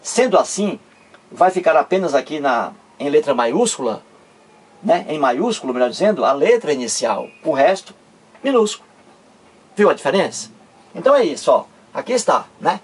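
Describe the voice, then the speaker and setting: Husky teacher, slightly high. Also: male voice, big pitch swings. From Ceará, Brazil. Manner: patient, repetitive, spells letters out slowly, frequent tag questions. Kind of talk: video grammar lesson.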